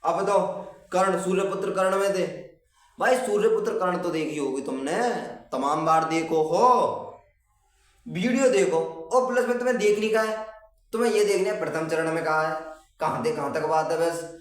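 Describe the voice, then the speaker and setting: A man's voice: high-pitched, normal speed. A young man, giving casual, rambling exam tips to students he calls brother. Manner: chatty, addresses viewers as brother, rambling. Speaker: exam tips video host. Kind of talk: casual exam-prep talk. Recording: echoey room, far from the mic.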